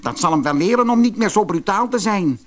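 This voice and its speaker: A man's voice: high-pitched, expressive, a little fast, voice pushed up. A man voicing a cheeky, spiteful male dwarf in a storybook reading. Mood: chirpy. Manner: chirpy, turning spiteful.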